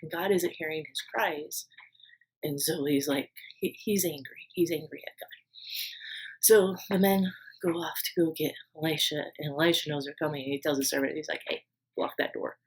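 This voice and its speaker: A woman's voice: sits low, moderate pace, slightly rough, low-quality recording. A woman retelling a Bible story in a casual, chatty way, with lots of fillers and asides to the viewer.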